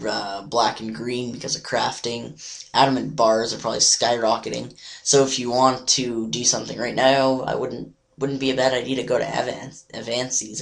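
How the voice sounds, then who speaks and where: A man hosting a gaming video with a hoarse, sore-throat voice that sounds half gone. It is gravelly and creaky at a medium pitch. He rambles casually through tips, hesitating as he thinks aloud. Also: a bit bright. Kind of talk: casual game tips commentary.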